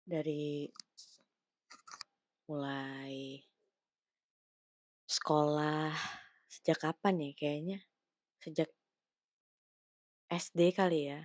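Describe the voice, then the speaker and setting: A young woman talks in a loose, personal way, full of slang and fillers. Her voice sits low, and the sound is dry and close with no room around it. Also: flat delivery, extremely slow, long pauses, darkish tone, no echo. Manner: slangy Jakarta-style chat with many fillers. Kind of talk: casual personal talk.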